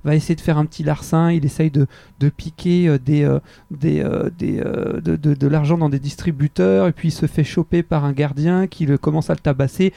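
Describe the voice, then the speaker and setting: A man with a gravelly, fry-edged voice chats casually as a podcast co-host, stumbling through his sentences with plenty of fillers and restarts. His tone is dark and mellow, pitched a little high, and the recording is close and dry. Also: steady tone, dry recording. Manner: rambling, halting, many fillers and restarts. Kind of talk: casual chat.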